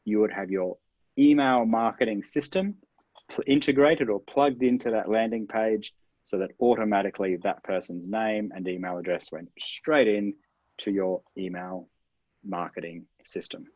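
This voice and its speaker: Male guest expert, low-ish voice, upbeat explainer, dry dull recording. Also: normal speed, darkish tone, dry recording. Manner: upbeat, explanatory, stresses key words. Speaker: internet marketing guest expert. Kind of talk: interview advice, explaining step by step.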